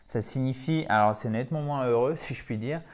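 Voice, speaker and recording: A man teaching a video lesson for French speakers, lively and repeating words to drill their pronunciation. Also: mid-range voice, fairly quick. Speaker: English teacher.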